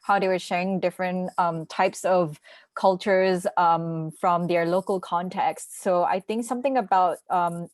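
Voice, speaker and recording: A chatty young Malaysian woman, an assistant language teacher taking part in a session, joins a casual online conference discussion over video call. Her voice is on the low side with a darkish tone, she uses many fillers and little laughs, and the recording is dry.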